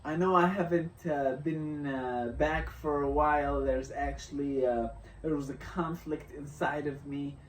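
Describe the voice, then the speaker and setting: A young man from Syria talking through a reflective motivational vlog, halting and restarting often as he thinks aloud. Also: fairly high pitch, fairly even intonation, far from the mic, noisy background. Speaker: vlogger. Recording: roomy echo, off-mic, faint ambience.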